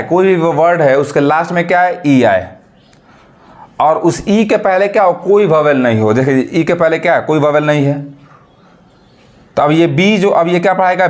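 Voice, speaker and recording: Man, teacher, slightly high voice, rhetorical questions, slow spelling of letters. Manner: asks rhetorical questions and answers them himself. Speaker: English teacher. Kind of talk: classroom-style lesson explanation.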